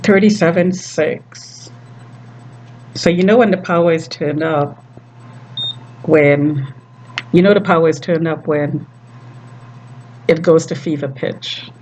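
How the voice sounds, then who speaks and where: A person speaking unscripted in a video diary, halting, with long pauses and frequent ums. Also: medium pitch, a little mellow. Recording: clearly noisy room recording.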